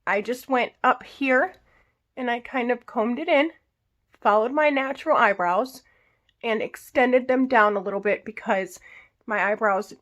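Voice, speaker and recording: A woman's voice: a little high, a bit bright. A woman vlogger chatting casually through a get-ready-with-me makeup tutorial, explaining each step and adding little asides. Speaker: beauty vlogger.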